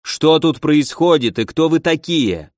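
A man reading an audiobook, voicing a short, plump, shifty town guard commander who talks in a gruff commanding tone. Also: a little high, animated, unhurried, a little mellow, no room sound, clean studio sound. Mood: commanding, sly.

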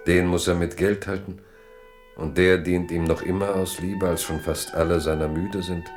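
Music plays behind a male actor whose low-sitting voice delivers flat, lightly acted narration. He plays a grave, all-knowing storyteller in a historical radio play, narrating in a measured, reflective, literary style.

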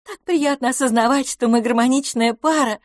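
Woman putting on a high, gushing young woman. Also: normal speed, no echo, studio quality, close to an everyday voice. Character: glamorous, excitable young woman.

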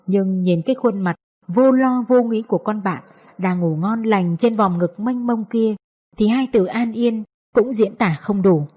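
A woman's voice: mid-range voice, unhurried, warm tone, husky. A woman narrating a scripted story as an audiobook reader.

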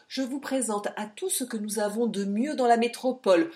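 A woman voicing a blustering middle-aged male captain who shouts accusations. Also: medium pitch, expressive, moderate pace, lightly acted. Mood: furious.

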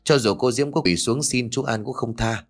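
A man voicing a worried young village wife and mother in a ghost-story audiobook, speaking anxiously and softly. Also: mid-range voice, moderate pace, close to an everyday voice. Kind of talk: audiobook character voice.

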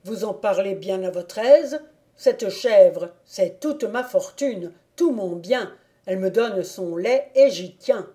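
A woman voicing an anxious, stubborn peasant clog-maker man in an audiobook, with loud, protesting outbursts. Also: mid-range voice, animated, slow pace.

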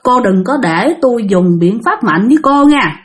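Calm stern exorcist master, voiced by a woman. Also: fairly high pitch, close to an everyday voice. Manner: slow, firm, measured.

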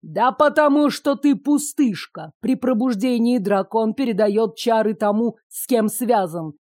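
A cruel, power-hungry sorcerer sneers in a slow, gloating drawl, as a woman narrator puts him on. The voice sits lower than her own and stays mellow. The audiobook recording is dry and close. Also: no echo, lightly acted. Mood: mocking.

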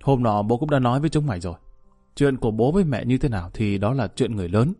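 Male reader as a stern aging father in an audio story: curt, cold, dark-toned. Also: medium pitch, animated, fast talker, husky, no room sound, studio quality, faint music behind. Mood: gruff. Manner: curt, scolding.

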